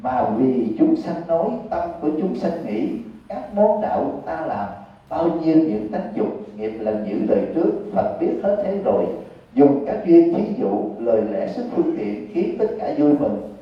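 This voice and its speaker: A Buddhist monk with a Southern Vietnamese accent, giving a sermon in a folksy, conversational storytelling manner. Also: male voice, a little high, very animated, normal speed. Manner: folksy, conversational, acts out characters. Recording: echoey hall, far from mic, dull lo-fi.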